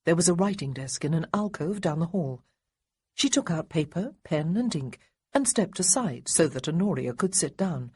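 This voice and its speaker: Audiobook narrator, woman, breathy and low, animated delivery. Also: moderate pace. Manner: expressive storytelling. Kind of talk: scripted narration.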